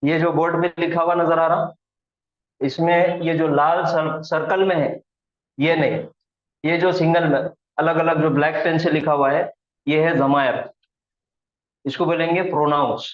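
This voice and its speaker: A man's voice: fairly high pitch, fairly even intonation, a little slow. A man teaching Arabic grammar in a classroom lesson, patiently repeating each point and mixing in English terms. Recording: echoey room, dull lo-fi sound.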